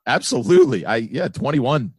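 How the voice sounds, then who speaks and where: Forty-year-old man, podcast guest, easygoing and joking, animated pitch, dry close-miked sound. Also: normal speed, husky, no echo. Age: 40s. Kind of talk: casual chat.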